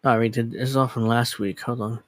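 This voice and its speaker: A man in his thirties hosts a livestream, chatting casually in a rambling, scattered way, self-deprecating and casually profane. His mid-range voice has fairly even intonation and a brisk pace, recorded on a dedicated microphone with no room sound.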